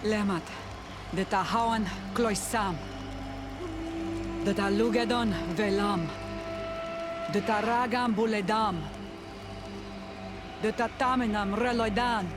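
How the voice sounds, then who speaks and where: Woman acting a slow, solemn seance medium seer. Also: mid-range voice, fairly even intonation, close to an everyday voice. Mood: solemn, entranced. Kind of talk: video game voice acting. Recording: game music over the voice.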